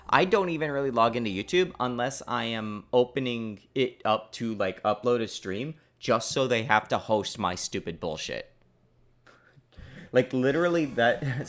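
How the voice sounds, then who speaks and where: A man's voice: medium pitch, fairly bright tone. A man developing a game on a livestream, rambling with lots of fillers and swearing at his code. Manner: swears and blurts confused exclamations. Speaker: indie game developer streaming. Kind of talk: casual livestream chat while coding.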